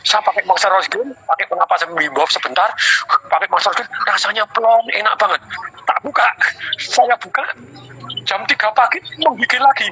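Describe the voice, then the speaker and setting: A man's voice: sits high, a little fast, rough recording. A middle-aged man, a business coach, telling emotional stories animatedly in an interview. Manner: emotional, animated storyteller with many repeated exclamations. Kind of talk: conversational storytelling interview.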